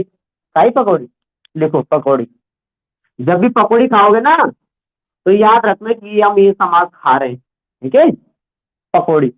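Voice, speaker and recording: A man teaching a Hindi grammar class, slowly dictating words and repeating each one for students to write. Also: high-pitched. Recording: tinny phone-like sound.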